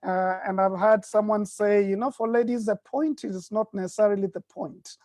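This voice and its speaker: A middle-aged man hosts a studio talk show in a halting, chuckling way, filling pauses with uhs and ums. His voice sits close and dry on the mic, with no room sound around it. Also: high voice, steady tone, a little mellow, no room sound. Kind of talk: casual studio chat.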